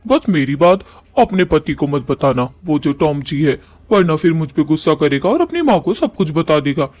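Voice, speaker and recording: A man's voice: a little high, very animated, a little mellow. A man voicing a shameless, lecherous old father-in-law in a cartoon story, talking in a wheedling way. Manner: wheedling, drawn-out.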